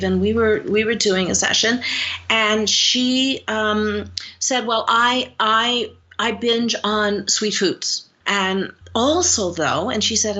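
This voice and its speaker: A woman psychologist, a guest on an interview show, telling stories in an animated way and acting out the dialogue in them. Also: on the high side, highs cut off. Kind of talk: storytelling interview answers.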